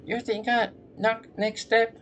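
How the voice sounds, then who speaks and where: A man voicing a high-pitched, breathy male conspirator from a video game. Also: little pitch movement, takes it slowly, fairly bright tone, highs cut off, soft background music.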